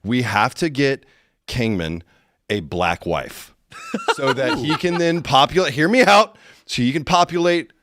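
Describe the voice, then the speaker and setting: A man's voice: medium pitch, animated, a little slow, a bit bright, no echo. Joking man on a panel show.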